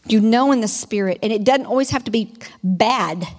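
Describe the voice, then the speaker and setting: Woman, preacher, sermon, animated exhortation, higher voice, long hall reverb. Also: moderate pace. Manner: animated, reads scripture then exhorts.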